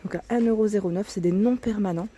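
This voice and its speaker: This woman speaks fast in a mid-range, dark voice, with a little hiss or hum in the recording. She's vlogging new store arrivals as she walks an aisle, chatty and frequently correcting herself, at times nearly whispering, her voice cracking in the early morning.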